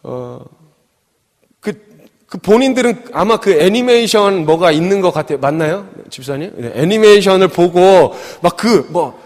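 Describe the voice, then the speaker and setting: Male youth pastor, chatty sermon delivery, slightly high voice, long church reverb. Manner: chatty, with many fillers and acted-out quotes. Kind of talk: sermon with storytelling. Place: church sanctuary.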